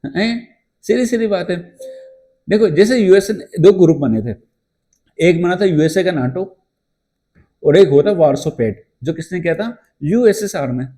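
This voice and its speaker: Male teacher, exam-prep lecture, slightly high, warm tone, storytelling, poses questions and answers them himself. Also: animated. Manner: chatty storytelling, asks and answers own questions; reads English textbook lines slowly.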